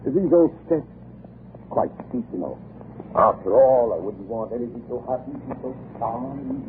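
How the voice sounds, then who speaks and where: A man playing a wealthy older husband with a smooth, insinuating, sinister manner, in 1940s radio acting style. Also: medium pitch, expressive, moderate pace, phone-quality sound, close to an everyday voice. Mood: menacing. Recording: thin, hissy vintage radio broadcast, off-mic.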